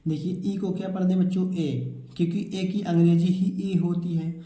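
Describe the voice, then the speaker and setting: Man, teacher to children, asks and answers his own questions, very dark mellow tone, echoey room. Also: high-pitched, little pitch movement, moderate pace. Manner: repeats questions and answers them himself. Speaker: English teacher. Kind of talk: classroom-style explanation to children.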